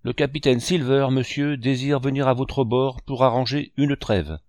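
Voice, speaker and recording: A man's voice: medium pitch, moderate pace, a little mellow, no echo, clean studio sound, pitched above the performer's own voice, close to an everyday voice. A man voicing a pirate envoy who speaks in a formal, deferential tone in an audiobook reading. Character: rough male pirate envoy with a flag.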